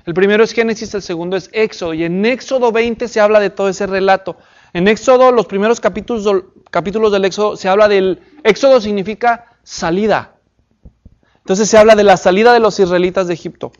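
High-voiced man preaching to a group. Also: dull audio. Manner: addresses the audience with questions and check-ins; reads scripture aloud slowly and deliberately. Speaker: preacher teaching a Bible class. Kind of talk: sermon-style Bible teaching.

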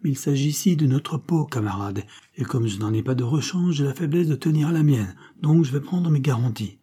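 A man voicing a gruff, brutal male bandit who growls his words. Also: medium pitch, lively intonation, brisk, mellow, pitched above the performer's own voice. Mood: menacing.

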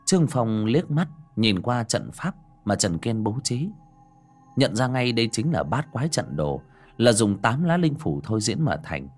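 A man's voice: medium pitch, very animated, measured pace. A man narrating a horror-fantasy audiobook in a dramatic, scripted storytelling style. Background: background music.

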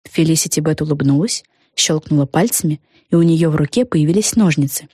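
A woman reads a children's story aloud in a lively, expressive way. Her voice sits low and she is recorded dry and close. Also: a little fast, husky, dry recording. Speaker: audiobook narrator. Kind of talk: scripted storybook narration.

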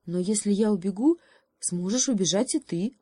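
A woman's voice: mid-range voice, expressive, normal speed, warm tone, slightly rough, dry recording, studio quality, pitched above the performer's own voice. A woman voicing a timid, meek little male hare in a storybook reading, asking in a small pleading tone.

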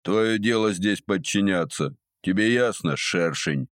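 A gruff old bearded gnome jailer, sarcastic and scolding, drawing out his words slowly, as a man puts him on. His voice sits higher than the narrator's deep tone, and the audiobook recording is dry and close. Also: lively intonation, a bit bright, no room sound. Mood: stern.

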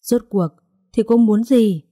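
A woman's voice: fairly high pitch, a little slow, dark tone, no room sound, clean studio sound, pitched above the performer's own voice. A woman voicing a desperate young husband who speaks in a firm, strained way. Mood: tense.

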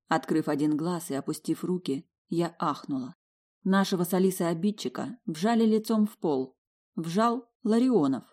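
A woman giving a lively, expressive first-person audiobook narration. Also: on the low side.

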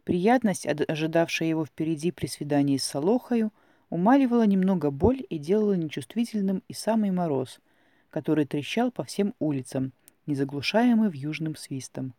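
Man reading a classic tale, high voice. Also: animated, normal speed, dark tone, dry recording, studio quality. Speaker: narrator. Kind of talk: scripted storybook narration.

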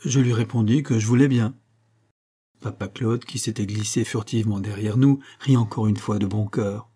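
Husky man reading a classic story. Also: mid-range voice. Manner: measured, expressive storytelling. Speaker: narrator. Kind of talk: literary audiobook reading.

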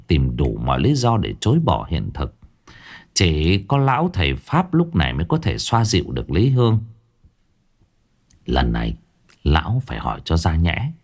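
A man narrating a ghost story in a slow, dramatic storyteller's delivery, drawing out sound words. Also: low voice, a little mellow. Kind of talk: scripted horror story narration.

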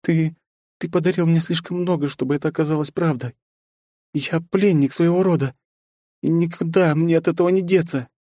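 A man's voice: a little high, steady tone, moderate pace, dark tone, dry recording, clean studio sound, voice pushed up, lightly acted. A man voicing a young princess who pleads through tears in an audiobook reading. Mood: tearful. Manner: pleading, tearful. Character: young girl princess, weeping, resigned.

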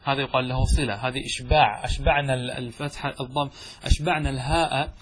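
A man teaching a grammar lesson in class, who asks the students questions and answers them himself and draws out his examples slowly. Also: medium pitch, fairly even intonation, slight background noise. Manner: says examples slowly and drawn out.

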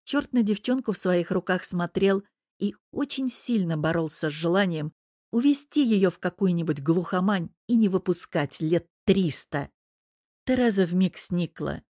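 A woman reading a story aloud in a steady, even manner as an audiobook narrator. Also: on the low side, moderate pace, dry recording, studio quality. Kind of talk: scripted narration.

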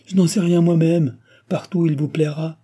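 A man's voice: a little high, steady tone, normal speed, mellow, husky, pitched above the performer's own voice. A man reading aloud and voicing an agitated, pleading young heiress in a raised voice. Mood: flustered.

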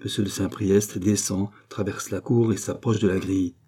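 Male audiobook narrator: low, mellow, steady and measured. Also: husky. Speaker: audiobook reader. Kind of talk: reading a classic novel aloud.

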